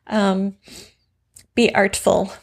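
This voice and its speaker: A woman co-hosting a casual podcast conversation. Her voice carries a gravelly fry. She explains thoughtfully, working through examples. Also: medium pitch, level tone, very slow. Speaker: podcast co-host. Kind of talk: casual craft discussion.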